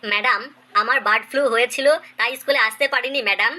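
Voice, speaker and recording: In an animated comedy skit, a performer plays a cheeky schoolboy who pleads and makes deferential excuses. The voice sits in the mid range and moves at a quick pace.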